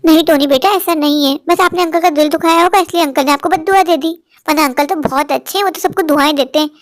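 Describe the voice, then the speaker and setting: Gentle cartoon mother, as a woman puts her on. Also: high voice, quick pace, dry recording, clean studio sound, lightly acted. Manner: soft calm explaining.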